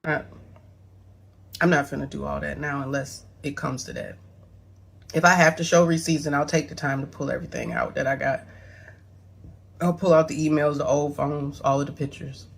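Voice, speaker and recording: Close to tears, a woman with a low, gravelly voice rambles through a profane confessional video monologue. As a mother responding to her son's claims, she both apologizes and defends herself.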